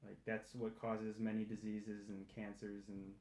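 A young man co-hosting a podcast, rambling in casual chat and filling every pause with "like". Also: lowish voice, monotone, heavy background noise. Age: young adult. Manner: rambling, says like a lot. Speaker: podcast co-host. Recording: echoey room.

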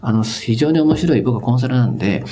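A man's voice: mid-range voice, animated, fairly quick, mellow. A man speaking as a business consultant on a podcast, explaining things in a casual, conversational way.

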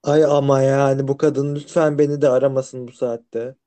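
Male podcast co-host, warm mellow voice, curious reactive listener. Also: medium pitch, little pitch movement, normal speed. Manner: reactive, short interjections and questions. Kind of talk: casual podcast chat.

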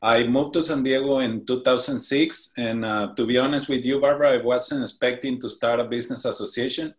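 A man's voice: medium pitch, fairly even intonation. A man from Mexico, a guest on a talk show, answering interview questions earnestly with frequent restarts. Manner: earnest, halting with fillers and restarts. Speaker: guest, business association founder.

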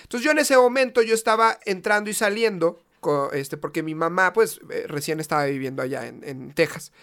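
A man's voice: a little high, animated, fairly quick, gravelly, fairly bright tone. A young man with a Mexican accent telling a story to friends, slangy and swearing, laughing as he goes. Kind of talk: casual storytelling among friends.

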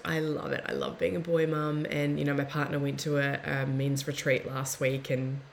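A young woman guest talking in a heartfelt, soft-spoken way, often trailing off and restarting mid-thought. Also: sits low, level tone, normal speed, vocal fry, a little hiss or hum. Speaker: podcast guest. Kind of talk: reflective casual conversation.

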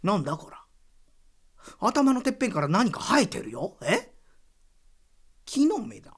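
A woman voicing a stingy middle-aged Edo townsman who grumbles in rough street speech. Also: medium pitch, big pitch swings, unhurried. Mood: puzzled, aching.

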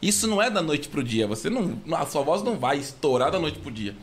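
A man's voice: fairly high pitch, sing-song, brisk. A man hosting a podcast, chatty and joking with his guests. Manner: jokey, chatty. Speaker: podcast host and singer. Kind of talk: casual podcast chat.

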